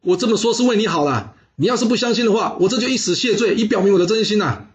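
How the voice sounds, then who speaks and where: A man's voice: high-pitched, lively intonation, quick pace, pitched above the performer's own voice. A man doing a pleading young captive. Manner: pleading, wailing. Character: desperate young male captive, the general's son.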